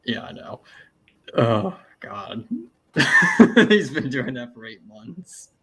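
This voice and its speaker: Gravelly deadpan male guest. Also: medium pitch, slow pace. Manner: deadpan monotone, dry humor. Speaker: guest writer. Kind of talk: casual chat.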